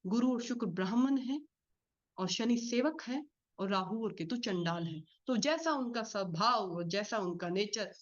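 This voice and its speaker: Fast-talking woman teaching astrology. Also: medium pitch, lively intonation. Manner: fast-talking, explains with repeated rhetorical questions. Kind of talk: spoken class lecture. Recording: slightly dull lo-fi audio.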